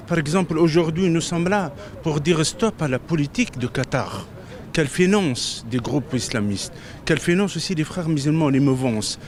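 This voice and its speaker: A man from Tunisia speaking as a protester at an outdoor rally, earnest and halting, repeating words as he goes. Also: on the high side. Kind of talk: street interview statement. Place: outdoors on a city street.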